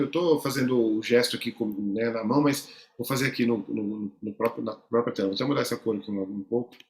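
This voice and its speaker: A man's voice: medium pitch, echoey room. A Brazilian man teaching an online class, speaking conversationally with many fillers and repeated words. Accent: Brazilian Portuguese. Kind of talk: online lecture with screen drawing.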